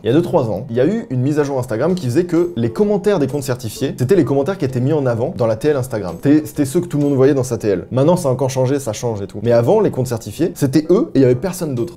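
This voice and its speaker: A man from France telling anecdotes to the camera in a casual, animated, self-mocking and slangy way. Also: medium pitch, fast, soft background music. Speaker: vlogger.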